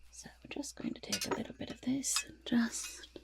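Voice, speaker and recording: In a soft-spoken ASMR roleplay, a woman voices a goblin potion-maker who is fussing, delighted and eager, muttering and repeating words. Her creaky, breathy half-whisper is a little high and exaggerated, delivered at normal speed.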